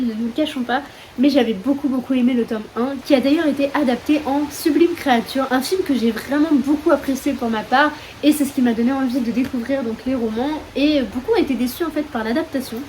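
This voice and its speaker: A woman's voice: high voice, a little mellow. A young woman with a French accent chatting casually about books at home, with many fillers and self-mocking asides. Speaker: book vlogger. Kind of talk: casual chat. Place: room at home with open windows, storm outside. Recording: faint wind and rain noise. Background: wind and rain.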